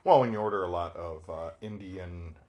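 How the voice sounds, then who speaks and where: A man co-hosting a casual podcast, talking slowly with many pauses and fillers. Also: low voice, darkish tone. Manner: slow, hesitant, many fillers. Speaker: podcast co-host. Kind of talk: casual chat.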